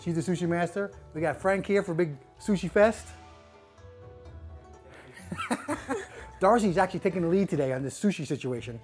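A man's voice: high-pitched, fast talker, hardly any pauses, a little mellow, faint music behind. A man co-hosting a cooking vlog segment, joking around playfully while explaining what to do. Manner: jokey, playful. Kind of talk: casual vlog banter.

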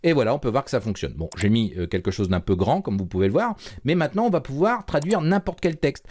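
A man's voice: medium pitch, sing-song, fast, darkish tone, no echo, studio quality. A man teaching a coding tutorial in a casual, chatty way, with many fillers and restarts. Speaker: programming course instructor. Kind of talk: screen-recorded coding tutorial.

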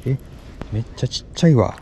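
A young man with a Kansai accent chatting excitedly while fishing outdoors on a lake, with quick exclamations. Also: a little hiss or hum. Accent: Kansai Japanese. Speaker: fishing vlogger. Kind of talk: casual commentary while fishing.

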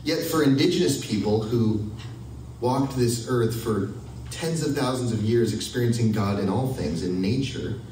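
A man's voice: mid-range voice, normal speed, a little mellow, reverberant, distant mic, slight background noise, low-quality recording. A man giving a conversational sermon with wry humor, asking his audience for ideas. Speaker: pastor. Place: church hall with audience.

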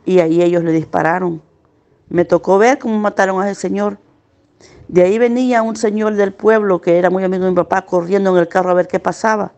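A middle-aged woman recounts what she witnessed in a low, gravelly voice. Her pitch sits in an ordinary middle range. She tells it earnestly and with pain, and her pace drags where the memory is hardest. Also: steady tone, darkish tone. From El Salvador. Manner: earnest, pained recounting, slowing at hard moments. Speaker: witness giving testimony. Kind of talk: personal testimony.

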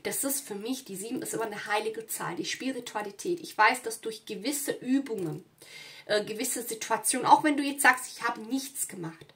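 This southern European woman reads tarot cards for her audience in a relaxed, chatty way, frequently tossing in small tag words to check in. Her voice sits a little high and sounds fairly bright, and she keeps a moderate pace.

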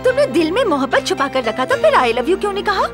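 A pushy, teasing young woman in a dubbed film. Her voice sits very high and swings widely as she scolds and demands. Film music plays under the dialogue. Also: sing-song, fast talker. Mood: scolding. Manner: bossy and teasing. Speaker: film character.

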